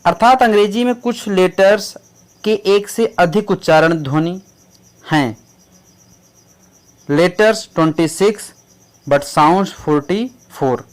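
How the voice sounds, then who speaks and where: Slow, deliberate male teacher. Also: high voice. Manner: slow and deliberate, spelling out words letter by letter. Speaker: English teacher. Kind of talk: explaining English pronunciation in Hindi.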